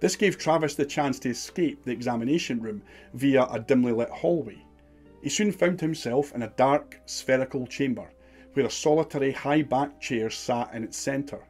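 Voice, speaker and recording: A man's voice: mid-range voice, normal speed, darkish tone, husky. Male narrator, scripted documentary read, dramatic suspense, faint music underneath.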